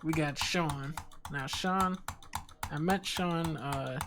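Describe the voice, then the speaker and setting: A man hosting a casual comedic podcast, joking deadpan with plenty of fillers. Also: a little high, takes it slowly, noisy background. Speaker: podcast host.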